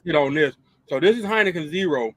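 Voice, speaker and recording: A man co-hosting a loose live chat show, talking in a relaxed, rambling, joking way. His voice sits a touch higher than most men's. He drifts between topics easily. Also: brisk, no room sound. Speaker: podcast co-host. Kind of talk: casual chat.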